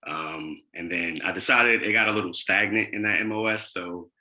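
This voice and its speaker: Twenty-something guy, real low voice, bright edge, calm and polite on a class video call. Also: normal speed. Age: 20s. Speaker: student introducing himself. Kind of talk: casual self-introduction on a video call.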